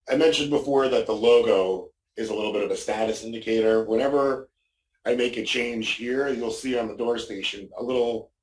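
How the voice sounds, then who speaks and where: Giving an explanatory product walkthrough, a product demonstrator keeps punctuating his points with "okay". His voice is lowish and a little mellow, picked up by a distant microphone in a room with noticeable echo.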